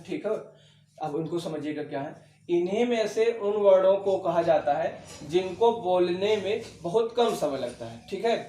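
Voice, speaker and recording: A man's voice: high voice, a little mellow. Guy teaching exam prep grammar, asks then answers himself, keeps saying okay, echoey room. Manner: repeats questions and answers them himself, says "theek hai" often. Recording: echoey room, mic at a distance.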